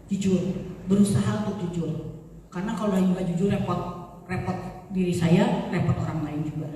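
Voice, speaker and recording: A woman giving a parenting seminar, talking in a lively, chatty way and teasing the audience. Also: fairly low pitch, moderate pace. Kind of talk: seminar talk. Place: large seminar hall. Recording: echoey hall, far from mic.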